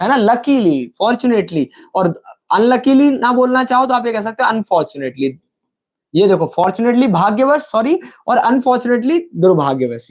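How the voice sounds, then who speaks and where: A man with an Indian accent leads a live English class online. He explains in Hindi and slows right down to read English sentences word by word, often asking his viewers whether they have understood. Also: high voice, a little mellow. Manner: addresses viewers as friends, asks if they understood. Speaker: English teacher.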